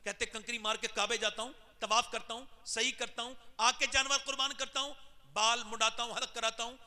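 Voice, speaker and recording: A man preaching an emotional sermon, his voice swinging sharply from loud cries to low, hushed passages. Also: little pitch movement. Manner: impassioned, sweeping swings in pitch and loudness. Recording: long reverb of a large hall.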